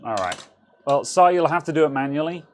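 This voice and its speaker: A man's voice: fairly high pitch, expressive, brisk, slight background noise. A British man co-hosting a casual tech talk show, joking and laughing often as he chats with his co-host. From United Kingdom. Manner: jokey, laughs often, slips into silly voices. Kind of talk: casual banter.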